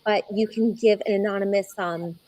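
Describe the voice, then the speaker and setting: A young adult woman, a guest in an interview, telling her own story earnestly and slowing down when she is moved. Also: mid-range voice, steady tone, a little mellow, dry recording, rough recording. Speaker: egg donor guest. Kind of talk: conversational interview.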